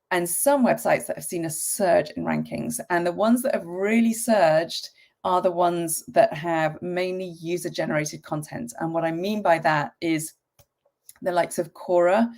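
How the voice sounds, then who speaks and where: A woman with a lowish, darkish voice hosts a casual live-stream tutorial while croaky from a cold. She chats along with frequent ums and the occasional cough.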